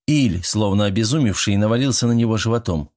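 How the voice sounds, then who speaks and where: A man narrating an audiobook in a steady, even reading voice. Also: lowish voice, brisk. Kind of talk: scripted narration.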